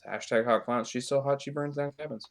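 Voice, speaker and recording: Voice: medium pitch, fairly even intonation, a little fast. A co-streamer in casual chat over a video game, wry and teasing, laughing often. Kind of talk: casual let's-play chat.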